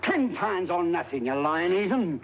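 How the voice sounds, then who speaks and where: An actor playing a greedy, sly street informant, wheedling and mocking, on a dull 1940s film soundtrack. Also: male voice, high voice, very animated, moderate pace, creaky, background noise, full character voice.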